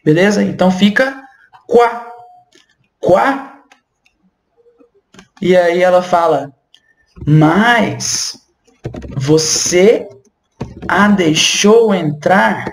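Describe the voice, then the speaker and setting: A woman teaching French pronunciation online, patiently repeating words slowly and explaining them casually. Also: lowish voice, roomy sound. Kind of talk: online language lesson.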